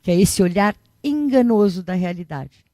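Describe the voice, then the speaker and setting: Uma mulher dando uma palestra budista em tom de conversa, cheia de perguntas retóricas e de "né?". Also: female voice, lowish voice, animated, normal speed, mellow, no echo. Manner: chatty, rhetorical questions, frequent tag "né?". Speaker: Buddhist teacher. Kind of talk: conversational dharma talk.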